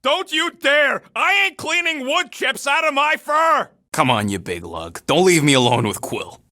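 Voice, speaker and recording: An actor voicing a cocky, irritable raccoon mercenary in a video game, with a rough street-tough voice and brash, sarcastic, slangy delivery. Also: male voice, very high-pitched, sing-song, measured pace, pushed and bright, full character voice. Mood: alarmed, brash, then subdued, sincere. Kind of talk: video game character barks.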